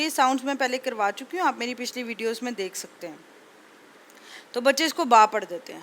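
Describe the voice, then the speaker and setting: A woman's voice: on the high side, fairly bright tone, slight background noise. A woman teacher explaining a lesson patiently, repeating each point and sounding out letters one by one.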